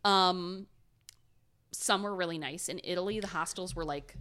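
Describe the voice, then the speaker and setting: A woman's voice: fairly low pitch, normal speed, sharp tone, smooth. A young woman co-hosting a casual podcast, telling a story in a rambling, giggly way with chatty asides.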